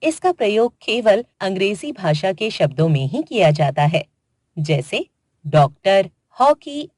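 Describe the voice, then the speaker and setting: A woman narrating a children's grammar lesson in a slow, deliberate way, spelling out letters one by one. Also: medium pitch, big pitch swings, darkish tone, no echo, clean studio sound. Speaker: grammar teacher. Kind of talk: scripted educational narration for children.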